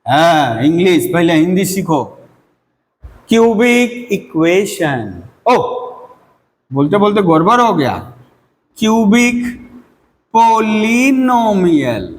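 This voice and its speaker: A man's voice: a little high, expressive, unhurried. Man, maths teacher, classroom lesson, quizzes students and answers himself, long hall reverb. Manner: calls students "beta", asks questions and answers them himself.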